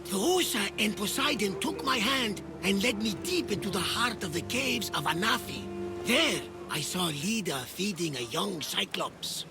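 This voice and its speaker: An actor playing a delirious, devoted old Greek sailor in a video game, telling of visions with dreamy drama. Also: male voice, sits high, animated, a little slow, gravelly, music in the background, heavily acted. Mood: mystical, dramatic. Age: older.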